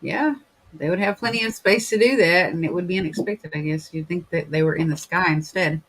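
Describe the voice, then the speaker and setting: A man hosting a casual podcast, talking in a rambling way full of fillers and clearing his throat now and then. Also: sits high, a little fast, fairly bright tone, poor audio. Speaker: podcast host. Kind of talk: casual chat, reading viewer comments.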